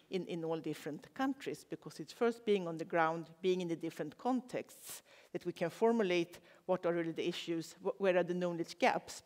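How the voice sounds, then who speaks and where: A man's voice: high voice, a little mellow. A man speaking earnestly on a conference panel, with some restarts. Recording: reverberant conference hall.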